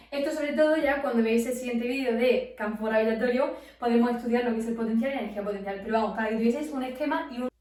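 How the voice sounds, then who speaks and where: A woman's voice: on the high side, darkish tone. A woman tutoring physics to students, explaining step by step and often checking in with questions. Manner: asks and answers her own questions, frequent "¿vale?" checks. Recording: very echoey room, distant from the mic.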